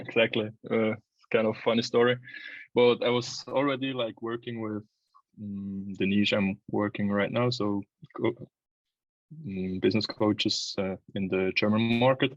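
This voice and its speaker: A Swiss man in his early twenties, a videographer who owns an agency, chats casually as an interview guest about his own experience. His voice is lowish and steady, and he speaks unhurriedly. The recording is dry and muffled.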